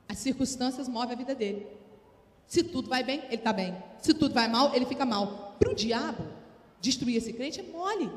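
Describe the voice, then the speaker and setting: A woman with a Brazilian Portuguese accent preaching a sermon to women, often calling for responses from the congregation, her voice swinging between soft and loud. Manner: calls for audience responses; animated, sudden rises in pitch and volume. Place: church hall. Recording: echoey hall with long reverb.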